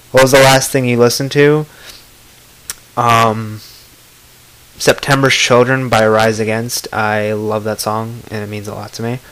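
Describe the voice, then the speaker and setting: A man's voice: mid-range voice, clean tone, low-quality recording. A man from Florida casually answering tag questions to the camera in a blunt, offhand way, swearing freely. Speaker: vlogger.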